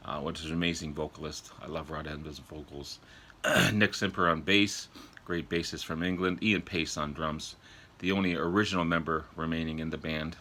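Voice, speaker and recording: A man with a sore throat from a cold, chatting casually and haltingly as a vlog host, often needing to clear his throat. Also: a bass voice, pushed and bright, slight background noise. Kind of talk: casual chat to viewers about records. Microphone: older phone.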